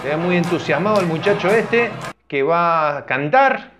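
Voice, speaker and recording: A young man talks over a concert clip in a loose, thinking-aloud way, full of fillers and restarts. His voice sits fairly high for a man. Faint music plays underneath. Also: expressive, normal speed. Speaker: reaction video host. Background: music from the video.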